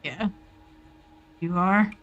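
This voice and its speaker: A woman's voice: on the low side, extremely slow, a bit bright, lo-fi sound. A woman giving casual live gameplay commentary, muttering in short clipped fragments as she thinks aloud. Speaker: game streamer.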